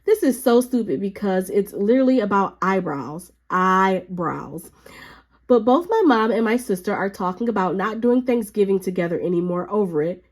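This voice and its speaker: Working at her craft desk at home, a slightly ill hobby vlogger with a bit of rasp talks in a chatty, easygoing manner with frequent fillers. She has a mid-range voice and a moderate pace.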